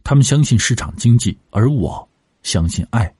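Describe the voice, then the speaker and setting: A man voicing a devoted restaurant wife, tender and calm. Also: medium pitch, normal speed, natural voice.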